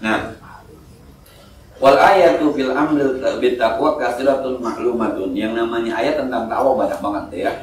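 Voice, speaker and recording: A male preacher, giving a jokey, animated sermon full of voiced quotes. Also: mid-range voice, normal speed, slight background noise. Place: mosque hall. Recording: echoey mosque hall, mic at a distance.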